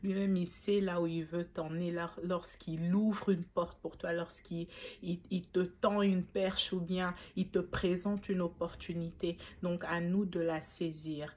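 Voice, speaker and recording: This YouTuber, a woman in her forties from Belgium, chats casually to camera in a reflective, faith-tinged way, often using fillers and starting over. She speaks on the low side, a little slowly and mellowly, with fairly even intonation and a faint hiss or hum in the recording.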